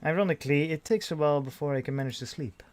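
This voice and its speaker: A man's voice: fairly high pitch, very fast, a little mellow. A man reading a visual novel aloud in first person, with dry delivery and frequent restarts. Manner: dry narration with restarts and sighs.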